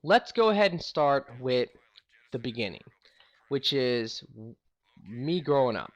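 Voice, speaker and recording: This young St. Louis man, a gaming YouTuber, tells stories about his life straight to camera in a rambling, chatty way packed with fillers. His mid-range voice is very animated and a little slow, and the audio sounds dull.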